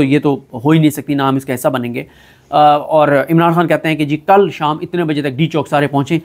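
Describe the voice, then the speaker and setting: A man giving a solo political commentary. He talks in an animated, emphatic way, often pausing with fillers. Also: high-pitched. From Pakistan.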